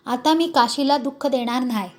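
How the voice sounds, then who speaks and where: A woman's voice: high voice, normal speed, close to an everyday voice. A woman voicing a cowed young village man who stammers apologies in a storybook reading.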